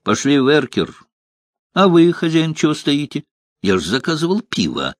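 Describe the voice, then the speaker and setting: A man voicing a gruff, stern male monster hunter who speaks curtly and commandingly. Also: a little high, sing-song, moderate pace, no echo, studio quality, pitched above the performer's own voice. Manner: curt, commanding.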